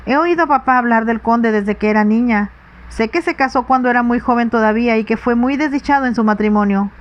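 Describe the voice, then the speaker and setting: A woman voicing an anxious, sensible young stepdaughter, pleading earnestly in a soft, whispered role-play audiobook reading. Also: a little high, brisk, lo-fi sound, natural voice.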